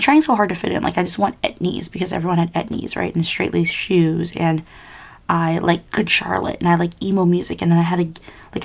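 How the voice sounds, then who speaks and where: A woman's voice: on the low side, creaky, a little mellow. A young adult woman vlogger chatting casually and giving personal advice in an informal, rambling, confiding way.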